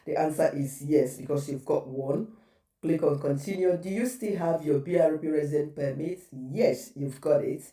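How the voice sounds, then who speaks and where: A man's voice: fairly high pitch, normal speed, dark tone. A man giving a patient step-by-step how-to guide, repeating each step as he walks viewers through it. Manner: patient instructional, repeating steps. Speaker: tutorial host. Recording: echoey room, distant mic.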